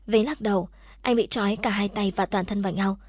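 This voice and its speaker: A woman reading a dramatic story aloud as an audiobook narrator, in a steady storytelling manner. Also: mid-range voice, brisk, no echo, clean studio sound.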